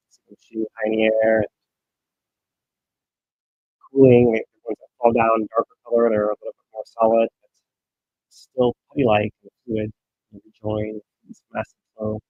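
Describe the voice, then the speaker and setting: A man's voice: on the low side, completely flat delivery, moderate pace, long pauses, no room sound, phone-quality sound. A man co-hosting a volcano update livestream, chatting loosely over eruption footage while his remote microphone sounds garbled and underwater. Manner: loose, rambling narration with restarts. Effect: garbled underwater-sounding bad microphone connection.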